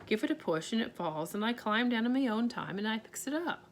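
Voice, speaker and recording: A woman reading aloud and voicing a tiny, plain-spoken borrower father who talks in homely, ungrammatical phrases with calm reassurance. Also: on the high side, brisk, a little hiss or hum. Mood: steady.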